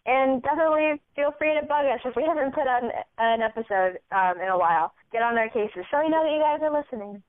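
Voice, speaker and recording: A woman co-hosting a podcast in casual chat, bubbly and quick to giggle. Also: high voice, dry recording. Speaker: podcast co-host. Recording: tinny phone-line sound, dry.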